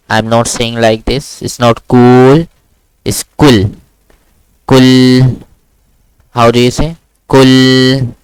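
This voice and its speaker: A male online Quran teacher with a smooth voice recorded dry and close on a video call. He speaks in an even, steady tone, patiently repeating sounds slowly so a young student can copy them. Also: mid-range voice, dry recording, low-quality recording. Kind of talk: one-on-one online lesson.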